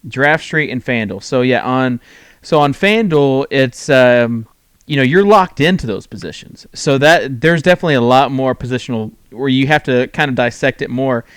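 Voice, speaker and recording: A man hosting a fantasy sports call-in show, talking loosely with many pauses and restarts. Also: medium pitch, clean tone, no echo. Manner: rambling, full of fillers and restarts. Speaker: host. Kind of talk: casual sports talk show.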